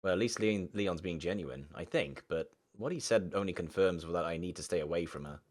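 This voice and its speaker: A man's voice: sits low, a little fast, a little mellow. A man reading a visual novel aloud in first person, breaking off for swearing, laughing asides.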